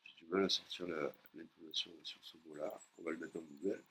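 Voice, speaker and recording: A man teaching a language lesson, patiently explaining and repeating words slowly for learners. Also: a bass voice, fairly even intonation, fairly bright tone, low-quality recording.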